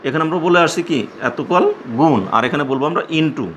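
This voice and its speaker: A man teaching a math class for young students, explaining step by step with many repeats, small pauses and check-in questions. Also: on the high side, a bit bright, a little hiss or hum. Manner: patient, repetitive explaining with frequent fillers and questions.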